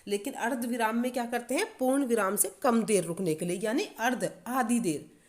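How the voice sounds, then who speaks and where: A woman's voice: on the high side, normal speed, a little mellow. A woman teaching Hindi grammar to children, explaining step by step and often repeating and asking the class questions. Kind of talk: online grammar lesson for children.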